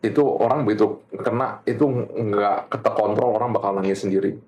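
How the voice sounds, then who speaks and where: A middle-aged man shares a faith testimony in casual conversation, speaking earnestly and with animation. His voice is on the low side and brisk, he laughs as he tells his stories, and he switches often between two languages.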